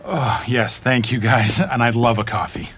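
A sheepish young pop star. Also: male voice, mid-range voice, normal speed, fairly bright tone, slightly rough. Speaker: pop star visiting his parents. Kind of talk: audio drama acting.

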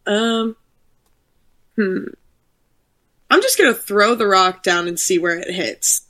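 Slow, deadpan woman player. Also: medium pitch. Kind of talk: casual tabletop game play.

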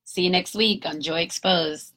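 With a fairly low voice that sounds pushed and bright, a woman in her fifties speaks at a moderate pace on her reflective solo podcast. She's candid and encouraging toward listeners, and she curses casually.

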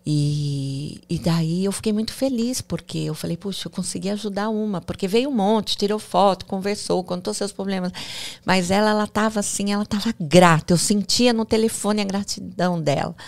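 A woman guest on a podcast, telling her own story in a casual, animated way and repeating words as she goes. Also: medium pitch, normal speed, gravelly. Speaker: guest, mentor and speaker.

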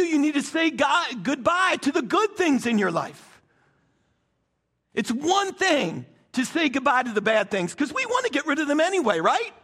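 A man with a very high, husky voice preaching a sermon from a church stage. He is soaking wet and cold, and he swings between loud emphatic bursts and hushed, low lines. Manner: emphatic preaching with rising bursts and soft drops. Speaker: pastor.

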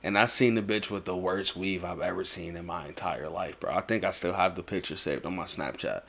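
Young adult American male, lowish voice, casual foul-mouthed bro talk full of slang. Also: brisk, vocal fry, fairly bright tone. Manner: slangy, swearing, bro-heavy banter. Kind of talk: casual chat.

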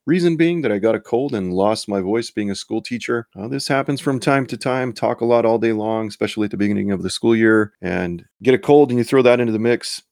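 A man hosting a solo commentary podcast, hoarse after losing his voice, talking earnestly with frequent restarts. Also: lowish voice, fairly quick, hardly any pauses, darkish tone, no room sound, clean studio sound. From United States. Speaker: podcast host and high school teacher.

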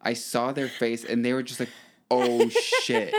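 Brief: young man, dry laid-back co-host, casual anecdotes, mid pitch. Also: flat delivery, a little fast. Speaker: podcast co-host. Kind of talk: casual chat.

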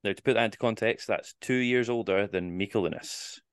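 A man's voice: fairly low pitch, fairly quick, smooth, no room sound, clean studio sound. A man with a Scottish accent hosting a casual quiz podcast, teasing the players and reading the clues in the first person. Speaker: quizmaster.

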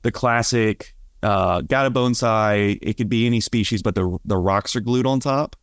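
Low-voiced chatty man, dry studio sound. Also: moderate pace, no room sound. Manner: chatty, rambling, frequent fillers. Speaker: podcast co-host, bonsai nursery worker. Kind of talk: casual chat.

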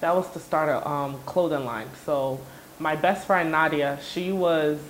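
A young woman from Ghana, raised in the States, telling her story as an entrepreneur in a relaxed, chatty interview with fillers. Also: low voice, a little slow, slight background noise, low-quality recording. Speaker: entrepreneur guest. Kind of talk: interview conversation.

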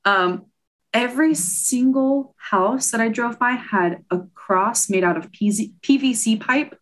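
On a podcast, a woman guest with a high-ish voice unhurriedly recounts road trip stories in casual chat. She's an animated storyteller who giggles and quotes herself.

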